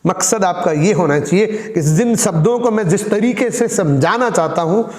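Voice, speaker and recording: A man's voice: sits high, normal speed, darkish tone. A man giving a spoken communication-skills lesson, addressing listeners as friends and showing how tone changes the meaning of the same words. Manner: demonstrates tone by repeating the same lines in different ways. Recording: roomy echo with long reverb.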